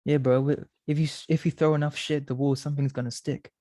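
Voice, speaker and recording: A man's voice: on the high side, little pitch movement, fast, dark tone. A young man in his twenties co-hosting a podcast, chatting casually with lots of filler words. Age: 20s. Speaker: podcast co-host. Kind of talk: casual chat.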